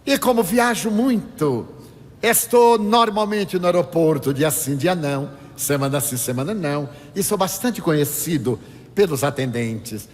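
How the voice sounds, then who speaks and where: An older man gives a spiritist lecture, his voice sitting high for a man. He tells anecdotes and acts out the dialogue with lively animation. The sound rings with a long reverb from a large hall. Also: unhurried. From Brazil. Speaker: spiritist speaker.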